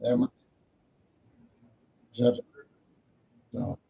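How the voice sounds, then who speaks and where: A man on a video call whose audio stutters and echoes. He talks hesitantly and repeats himself. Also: extremely slow. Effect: stuttering, echoing video-call audio. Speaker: webinar participant. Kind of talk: casual chat. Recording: muffled, dull video-call line.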